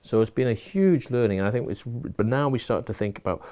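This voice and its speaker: A man's voice: medium pitch, brisk, warm tone. A middle-aged man, a college leader giving thoughtful advice in a casual interview, often restarting and repeating words. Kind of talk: reflective casual conversation.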